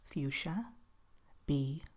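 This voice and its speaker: A woman in an ASMR role-play, playing a chatty, polite fairy tale interviewer with a hesitant, conversational, softly questioning manner. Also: deep voice, animated, very slow.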